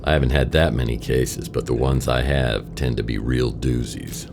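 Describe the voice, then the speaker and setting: A male actor with a gravelly bass voice plays a wisecracking, self-deprecating private detective in a noir radio drama. His delivery is deadpan and wry at normal speed, with music in the background.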